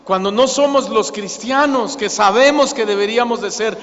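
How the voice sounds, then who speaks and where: A man preaches a fervent sermon in a high voice and keeps pressing his listeners with questions. The recording is dull and lo-fi. His voice carries a long reverb from the church around him. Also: normal speed, fairly bright tone. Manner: impassioned preaching, pleading questions to the congregation. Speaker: pastor. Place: church sanctuary.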